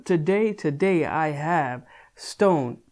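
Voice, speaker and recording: A man's voice: a little high, expressive, slow pace, darkish tone. A young adult man giving a casual, chatty beer review, talking loosely with frequent restarts and casual swearing.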